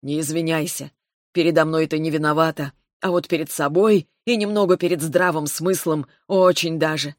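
A woman voicing a short-tempered, protective male dragon who scolds gruffly in an audiobook. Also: sits low, steady tone, normal speed, dry recording, studio quality, close to an everyday voice. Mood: quiet concerned.

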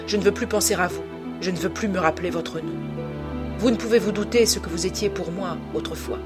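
A woman's voice: fairly low pitch, fairly quick, over loud music, natural voice. A woman reading a bitter, scornful young man. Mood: bitter contempt. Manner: cutting, accusing tirade.

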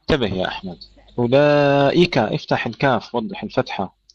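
A man teaching Quran recitation in an online lesson, patiently correcting a student and stretching out model verses slowly. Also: mid-range voice, expressive. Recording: dull, dry online call audio.

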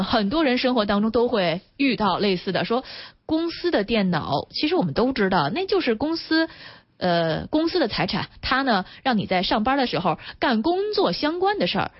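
A woman's voice: a little high, no echo. A woman hosting a radio talk show, chatty and full of rhetorical asides to listeners. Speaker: radio host. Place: radio studio. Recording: dull radio broadcast sound.

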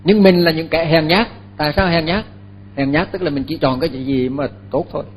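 An older man, a Buddhist monk, giving a dharma talk in an unhurried, halting way with many fillers and repeated words. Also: a little high, slightly rough.

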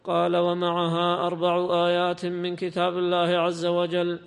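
A man's voice: high-pitched, monotone, vocal fry, clear, resonant tone. A man reading a classical religious text aloud to a teacher in a lilting, chanting style. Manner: lilting, drawn-out chanting delivery. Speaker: student reader. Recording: long hall reverb.

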